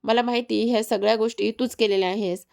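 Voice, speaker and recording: A woman's voice: on the high side, fairly even intonation, fast, vocal fry, darkish tone. A woman narrator voicing a frightened, defiant young woman who pleads and protests in a retold serial scene. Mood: protesting.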